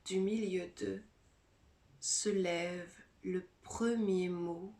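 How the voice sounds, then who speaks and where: A woman, a mezzo-soprano, reciting a poem softly and deliberately, at times dropping to a breathy whisper. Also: lowish voice, fairly even intonation. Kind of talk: slow poetry recitation, partly whispered. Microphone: phone.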